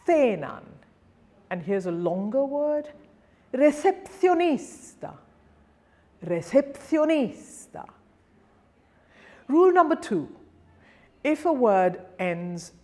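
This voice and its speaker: A woman gives a diction lesson for singers, speaking in a fairly low voice. She takes it very slowly and carefully, sounding out each example word and repeating it so the listener can follow. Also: a little mellow. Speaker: singing diction teacher. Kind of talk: pronunciation lesson.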